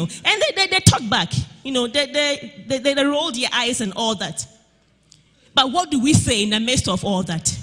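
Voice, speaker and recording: A man with a very high, husky voice preaches an impassioned sermon. His delivery swings from hushed asides to shouted, sing-song declarations, with lively pitch movement. The church sanctuary around him leaves a long reverb on every line.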